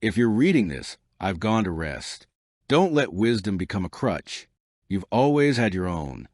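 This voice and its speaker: A man reads as a wise old sage, a kindly male mentor from a bedtime story. His delivery is gently instructive and very expressive, in a dry, close sound. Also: on the low side, unhurried, no echo. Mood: solemn. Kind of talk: bedtime storybook character reading.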